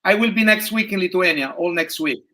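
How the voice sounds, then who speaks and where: Bright-voiced effusive man. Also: high voice, brisk, slight background noise. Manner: effusive, broken phrasing. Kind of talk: live interview chat.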